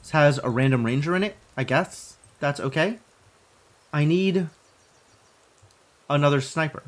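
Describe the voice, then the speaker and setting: A man's voice: a little high, a little slow. A man giving casual gameplay commentary, thinking aloud as he plays. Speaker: gamer playing and commentating. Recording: clear background noise.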